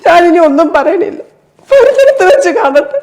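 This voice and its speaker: A woman's voice: a little high, expressive, normal speed, dark tone, close to an everyday voice. A woman performing a one-person stage monologue as a desperate stranded traveler at an airport, pleading in a tearful, breaking voice. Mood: bitter, despairing.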